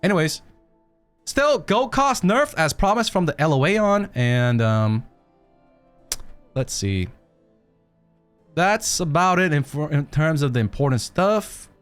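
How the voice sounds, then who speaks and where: Lively, cussing game streamer man. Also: on the high side, takes it slowly, pauses often, smooth, soft background music. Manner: animated and profane, peppers with "okay?" and "dude". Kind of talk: casual game news commentary.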